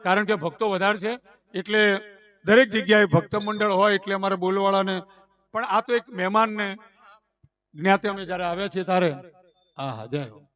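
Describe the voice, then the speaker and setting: A man's voice: high voice, moderate pace, pauses often, fairly bright tone. A man from Gujarat, telling folk jokes live at a village devotional gathering, stretching out each punchline and acting out the villagers he quotes. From Gujarat, India. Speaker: folk storyteller and emcee. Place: village gathering under a canopy.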